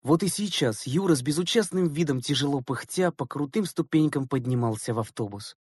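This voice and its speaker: A man narrating a story as an audiobook reader, in a measured storytelling manner. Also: a little high, animated, darkish tone, breathy edge, dry recording, clean studio sound. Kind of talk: scripted narration.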